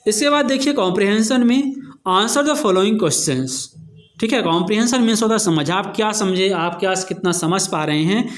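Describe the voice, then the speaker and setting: A man's voice: high voice, moderate pace. A man teaching a revision lesson, spelling words out letter by letter and answering his own questions as he explains.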